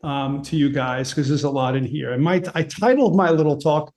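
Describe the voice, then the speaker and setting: Brief: male presenter reading his paper, earnest and measured, with a fairly high voice. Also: a little mellow. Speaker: conference presenter. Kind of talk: reading a prepared paper aloud.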